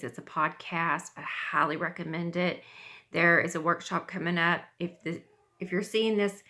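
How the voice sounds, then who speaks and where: A woman's voice: on the low side, bright, forceful tone. A middle-aged woman, short of breath, giving casual instructional talk as a yoga teacher.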